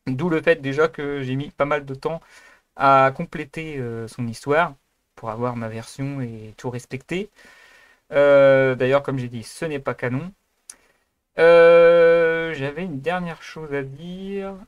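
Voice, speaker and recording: Male video host, fairly high and smooth, dry close sound, rambling and self-deprecating with lots of hesitation. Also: fairly even intonation, takes it slowly, no echo. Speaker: YouTube host. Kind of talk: casual improvised video intro.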